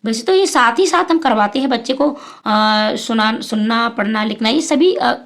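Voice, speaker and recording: A woman's voice: fairly high pitch, normal speed, a bit bright. A woman giving an exam-prep lecture as a teacher. She asks herself questions and answers them, with many fillers.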